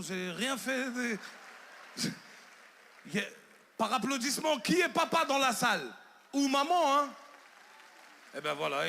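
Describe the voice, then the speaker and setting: A man in his thirties with an Ivorian French accent, doing stand-up comedy on a theater stage and telling stories with animated quoted voices. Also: sits high, vocal fry.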